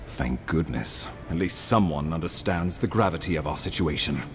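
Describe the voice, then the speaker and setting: An actor playing an earnest, courteous imperial ambassador in a video game, speaking in a formal, eloquent and measured manner. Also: male voice, a bass voice, expressive, over music. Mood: grave. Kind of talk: dramatic video game dialogue.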